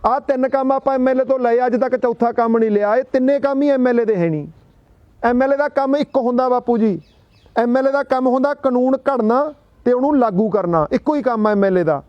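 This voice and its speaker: A man's voice: very high voice, fairly quick, no room sound, highs cut off. A man with a Punjabi accent addressing a gathering, telling folksy stories and asking rhetorical questions. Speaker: public speaker. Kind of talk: speech to a gathering.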